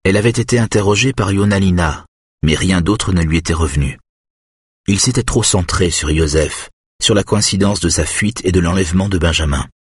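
A man reading a thriller audiobook in a measured, steady present-tense narration. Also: deep voice, husky, no room sound, clean studio sound.

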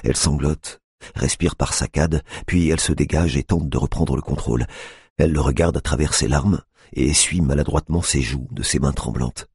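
Very deep, gravelly male narrator. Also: moderate pace, darkish tone, no echo, clean studio sound. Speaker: audiobook narrator. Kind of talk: scripted narration.

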